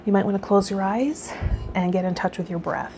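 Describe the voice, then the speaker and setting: Over loud music, a woman with a medium-pitched voice speaks briskly as a tarot reader and spiritual coach. Her tarot lesson shifts between reading aloud, guided meditation, and casual vlog-style chat with her viewers.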